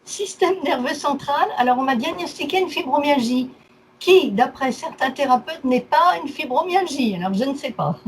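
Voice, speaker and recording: This woman's high voice is expressive and moderately paced, though the audio is poor and carries faint background noise. A client in a casual consultation, she recounts her health complaints one at a time in clipped little phrases.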